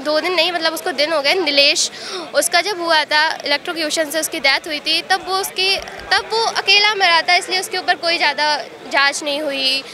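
A woman's voice: very high-pitched, normal speed, hardly any pauses, a crowd in the background. A young woman from Uttar Pradesh, a student at a protest, talking earnestly in a street interview into a reporter's handheld mic outdoors. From Uttar Pradesh, India. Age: young adult. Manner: earnest, mixes English words into Hindi. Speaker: civil service exam student at a protest.

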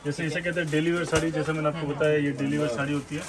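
A man in his thirties rattles off prices and fabrics in a quick, slightly high voice, like a seasoned shopkeeper. He is recorded in a big indoor store with customer chatter around him. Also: flat delivery. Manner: brisk salesman patter, listing prices. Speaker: shop owner. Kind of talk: sales pitch walkthrough. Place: large indoor saree shop. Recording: crowd noise in busy shop. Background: busy shop chatter.

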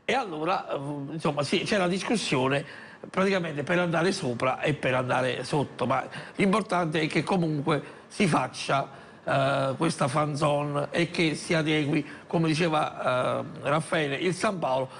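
A man. His voice is fairly high and full of creak, and his delivery halts often. There is faint noise behind him. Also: measured pace, fairly bright tone. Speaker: TV host. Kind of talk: live sports talk show presenting. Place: TV studio. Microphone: lapel.

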